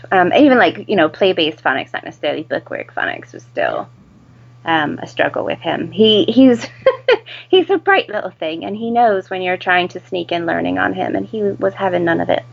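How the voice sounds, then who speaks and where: American woman chatting in an interview, lots of creaky fry, slightly dull audio. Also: lowish voice. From United States. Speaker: interview guest, home-educating mother. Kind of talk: casual conversational interview.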